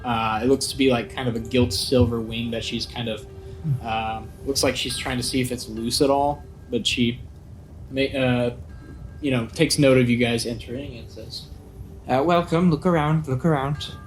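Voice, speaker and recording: Male game master, average pitch, halting descriptive tabletop narration, quiet music underneath. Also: level tone, rough recording.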